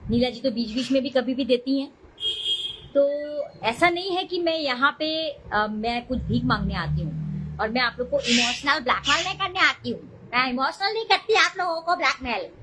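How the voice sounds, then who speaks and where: A woman's voice: high-pitched, a bit bright, slight background noise, low-quality recording. A middle-aged woman chatting casually on a live stream, talking defensively and greeting viewers mid-talk.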